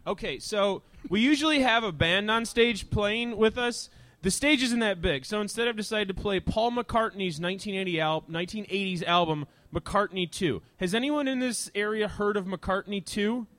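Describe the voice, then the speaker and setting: A male talk show host riffs through a rambling comic monologue in front of a live crowd outdoors. His voice sits high, and the sound is dry and close, with almost no room around it. He jumps between jokes and asides and breaks into the odd shout. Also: normal speed, no room sound. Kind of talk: live stand-up style monologue to an audience.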